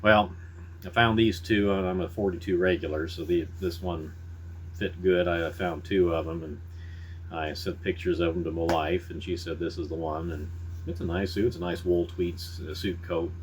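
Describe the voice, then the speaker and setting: A middle-aged man chatting casually to viewers in a folksy, unhurried, halting way. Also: low voice, a little hiss or hum, poor audio. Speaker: pipe-smoking vlogger. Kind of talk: casual rambling chat to viewers.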